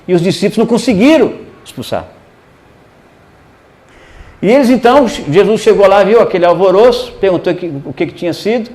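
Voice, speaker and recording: A man preaching a sermon, telling a personal story and swinging between hushed and emphatic delivery. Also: high-pitched, animated, brisk, long pauses. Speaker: pastor.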